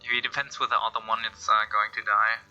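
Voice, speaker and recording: A man's voice: fairly low pitch, steady tone, quick pace, bright, forceful tone, muffled recording, soft background music. A man giving casual game commentary, thinking aloud in a hesitant way. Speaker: gameplay commentator.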